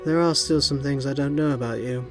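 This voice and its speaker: A man voicing a suave male secret agent with smooth, dry wit. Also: mid-range voice, brisk, music in the background, lightly acted.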